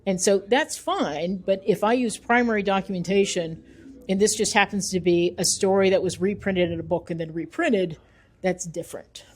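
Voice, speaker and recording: This middle-aged researcher and author talks through interview questions conversationally, pressing her opinions emphatically and explaining them. Her voice is medium-pitched and a little mellow, at a moderate pace.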